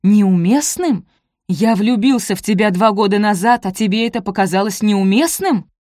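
Female reader as a wounded young nobleman: low, hushed, icy, dry close sound. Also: moderate pace, no echo, natural voice. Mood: angry, shouting. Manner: quiet and cold, flaring into shouts. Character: young gentleman, hurt and coldly angry.

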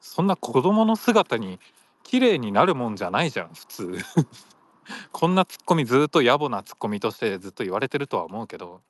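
Man, casual solo chat host, playful, laughs a lot, lively pitch, dry close sound. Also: brisk, no room sound. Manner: playful, laughs often, slips into silly put-on voices. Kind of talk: casual rambling monologue.

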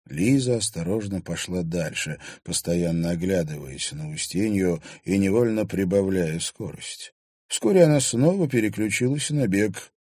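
A man narrating an audiobook in an expressive, measured way. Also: deep voice, breathy edge, no echo, studio quality. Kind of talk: scripted narration.

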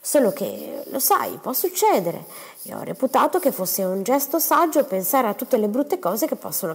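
A woman's voice: mid-range voice, darkish tone, slightly rough. Coy scheming wife, knowing and teasing; a woman reader plays her, in a reverberant hall. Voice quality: sly, knowing, lightly teasing. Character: coy scheming middle-aged stepmother, wife.

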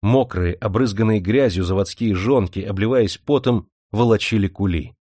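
A man narrating a novel in steady, measured storytelling. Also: lowish voice, dry recording. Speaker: audiobook narrator. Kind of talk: scripted narration. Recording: dry studio audiobook recording.

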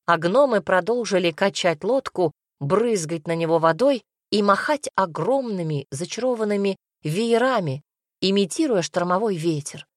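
A woman's voice: medium pitch, moderate pace, no room sound, clean studio sound. Wry woman narrating an audiobook. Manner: wry, lively storytelling. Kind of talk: first-person fantasy audiobook narration.

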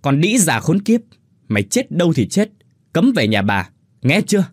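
A man voicing a cruel, scornful mistress of a house who bellows insults, husky-voiced. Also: on the high side, big pitch swings, moderate pace, no echo, voice pushed up. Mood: raging.

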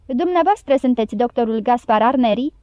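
A woman's voice: a little high, expressive, dark tone, no echo, lightly acted. A woman doing a harsh guard captain barking orders. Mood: stern command. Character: fierce gruff palace guard captain, harsh voice.

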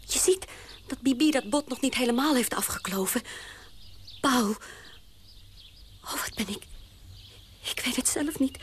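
A woman playing a restless young woman in a radio play, speaking haltingly and often in a breathy whisper. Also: sits high, expressive, slight background noise. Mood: dreamy.

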